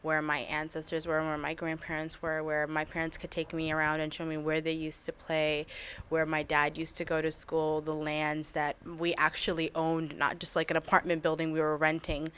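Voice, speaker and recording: A young woman with a low, smooth voice speaks in an even, level tone. She answers interview questions in a measured, earnest way, recorded on a webcam in a small room. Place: small indoor room against a plain wall.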